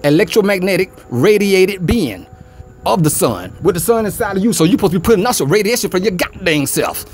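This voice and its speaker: A man's voice: high voice, expressive, brisk, soft background music. A man rambling conspiratorially in slang, talking into a phone held in his hand outdoors by a street. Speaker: vlogger. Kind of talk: casual rambling monologue. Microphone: phone held in hand away from face.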